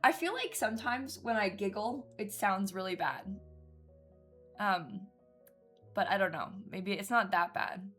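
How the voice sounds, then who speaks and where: With faint music behind her, a young gaming streamer chats casually from home while building, congested from a cold and full of ums and little giggles as she thinks aloud. Her mid-range, fairly bright voice is animated, at a measured pace with long pauses.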